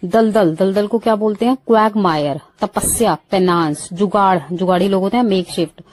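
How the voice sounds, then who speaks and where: Indian woman, English teacher, mellow warm voice, vocabulary lesson, slow clear English after the Hindi. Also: mid-range voice. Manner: reads Hindi phrases, then says English slowly and clearly.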